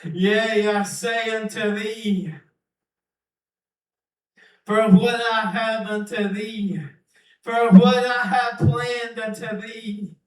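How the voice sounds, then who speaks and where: A man's voice: high voice, steady tone, very slow, pauses often. A man delivering a prophetic utterance in archaic King James phrasing, chanting and repeating himself as he breaks into speaking in tongues. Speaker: preacher. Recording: echoey room from far off.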